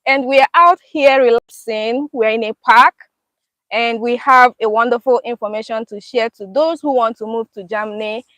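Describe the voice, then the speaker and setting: A woman's voice: on the high side, steady tone, normal speed, a bit bright, no echo, poor audio. Upbeat woman hosting a chat outdoors. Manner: upbeat, laughs often. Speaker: YouTube host. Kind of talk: casual live-stream chat. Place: outdoors in a park.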